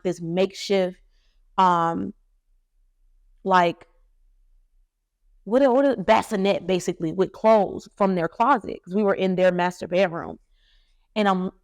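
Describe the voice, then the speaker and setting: Young woman, podcast host, mid-range voice, dry close sound; halting emotional personal storytelling. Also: mid-range voice, no room sound. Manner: halting, emotional retelling with many fillers.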